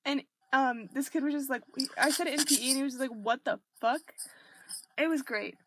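A woman's voice: high-pitched, fast talker. A young woman co-hosting a casual chat among friends.

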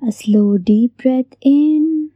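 Soft, breathy woman slowly guiding meditation. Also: high voice, dry recording, highs cut off. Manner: soft, breathy, soothing near-whisper delivery; gentle, unhurried instruction with long pauses. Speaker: meditation host. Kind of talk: guided meditation narration.

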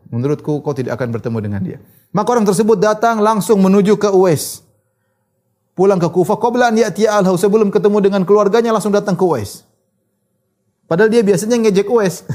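A religious teacher with a high-pitched voice and a darkish tone tells stories in his lesson, reading Arabic narrations, recasting them in casual language, and acting out each character's lines.

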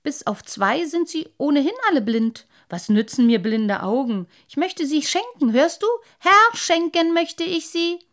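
A woman's voice: fairly high pitch, very animated, unhurried, a little mellow, pitched above the performer's own voice. A woman voicing a sly, spiteful many-eyed fish in a children's story, wheedling and mocking.

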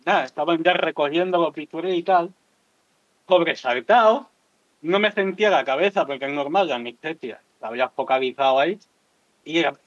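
A man's voice: on the high side, moderate pace, dry recording. Frank man telling stories. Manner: candid, vulgar, laughs at his own stories. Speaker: podcast guest. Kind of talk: casual storytelling chat. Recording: dull lo-fi dry sound.

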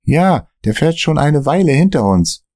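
A man voicing a frantic, high-strung young waiter who swears when scared, in a read-aloud story. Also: sing-song, measured pace, darkish tone, no room sound, clean studio sound. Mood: worried. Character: panicky young male waiter friend.

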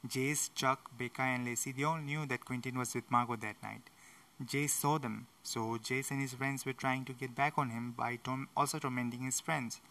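A man's voice: mid-range voice, sharp tone. A tired young man casually recapping a book chapter late at night, rambling and correcting himself with chatty asides. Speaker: book summary host. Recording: voice a bit far from mic.

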